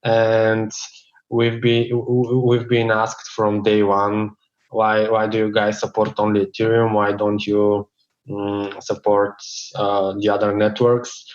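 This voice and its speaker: A man with a somewhat low, very flat voice. He answers interview questions in a measured way and sometimes stumbles over his words. The audio is dull and muffled, as on a remote call. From Bulgaria. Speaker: tech lead guest.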